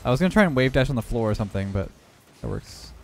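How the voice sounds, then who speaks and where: A young gaming YouTuber gives relaxed, steady live commentary over his own matches at a quick pace. His middle-pitched voice is hoarse and a bit rough after losing it earlier, and faint game music plays beneath.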